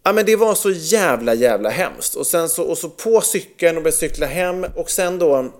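A man in his thirties telling a personal story in casual chat, animated, swearing freely and full of fillers. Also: a little high.

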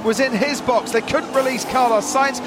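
Male motorsport commentator, urgent, excited, extremely high pitch, live commentary, broadcast clip under loud music. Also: moderate pace. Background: loud music and car engines.

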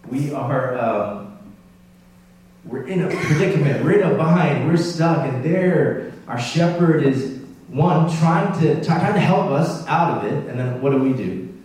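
A man preaching a sermon in a relaxed, conversational and self-deprecating way, with many restarts. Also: on the high side, measured pace. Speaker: pastor. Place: church sanctuary. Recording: roomy, distant church mic with hum.

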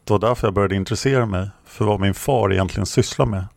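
A man reading the lines of a dying young woman, soft and tearful. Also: lowish voice, vocal fry, no room sound, studio quality.

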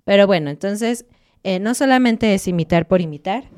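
A woman, co-hosting a casual Spanish-learning podcast and explaining things clearly with light jokes. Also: mid-range voice, animated, normal speed, a little mellow. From Mexico. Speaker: podcast co-host and Spanish teacher. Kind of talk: casual educational podcast chat.

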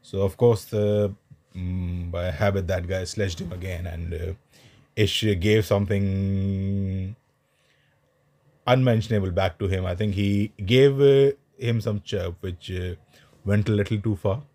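In a deep, warm voice with a steady tone, a man co-hosting a casual podcast rambles through a long anecdote a little slowly. He fills it with lots of "uh"s and small laughs.

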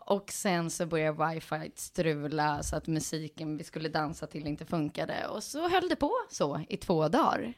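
A woman co-hosting a casual podcast chat, telling animated stories with frequent laughter and English words mixed in. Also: deep voice, few pauses. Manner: animated storytelling, laughs a lot; mixes English words into Swedish. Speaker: podcast co-host.

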